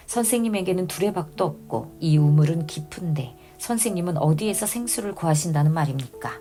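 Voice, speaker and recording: A woman reading the lines of a Samaritan woman at a well, in a plain, even reading voice. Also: lowish voice, close to an everyday voice.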